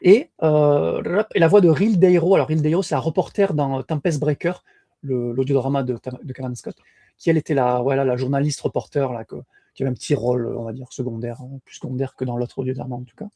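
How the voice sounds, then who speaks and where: A man's voice: mid-range voice, fairly even intonation, fairly quick, warm tone, dry recording. A man co-hosting a podcast in casual chat, hesitant with many fillers and restarts. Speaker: podcast co-host.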